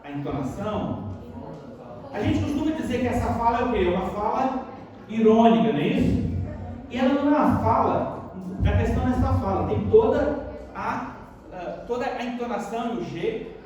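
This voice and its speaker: A man's voice: extremely high pitch, lively intonation, a little fast, pauses often, a little mellow. A Brazilian Portuguese-speaking man teaching a university workshop, often putting rhetorical questions to his audience. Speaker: university lecturer. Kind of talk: lecture workshop. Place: auditorium. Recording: echoey auditorium from far off.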